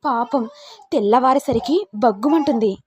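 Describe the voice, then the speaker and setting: A woman's voice: on the high side, moderate pace, slight background noise, close to an everyday voice. A woman voicing a scheming sister-in-law in a story, talking in a falsely sweet, innocent way. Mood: gloating.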